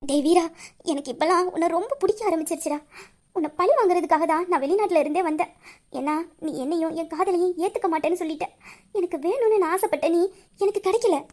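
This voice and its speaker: A woman's voice: extremely high pitch, darkish tone. A woman voicing a remorseful young woman in an audio drama who pleads through tears and confesses a secret plan for revenge. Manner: sobbing, pleading, guilt-ridden. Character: tearful young woman hiding a revenge scheme. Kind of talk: emotional audio drama acting.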